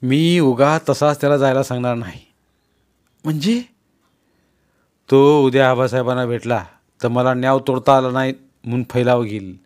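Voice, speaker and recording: A man's voice: mid-range voice, fairly even intonation, normal speed, long pauses, a little mellow, natural voice. Man doing a firm questioning village man. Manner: firm, probing.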